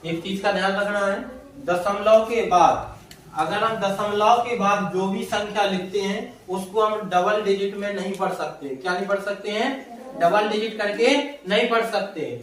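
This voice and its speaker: A man's voice: high-pitched, a bit bright, slight background noise. A man teaching a class, who keeps asking his students questions and answering them himself. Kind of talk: classroom lesson. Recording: echoey room, from far off.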